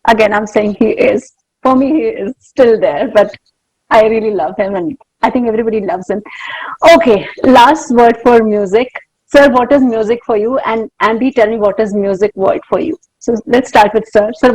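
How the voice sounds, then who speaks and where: High-voiced woman interviewing effusively. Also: moderate pace, a little mellow, slightly rough, low-quality recording. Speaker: interviewer, journalist. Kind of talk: conversational interviewing.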